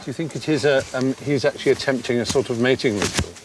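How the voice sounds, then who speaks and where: A man's voice: mid-range voice, fast talker, background noise. A man presenting a documentary, giving wry, teasing commentary.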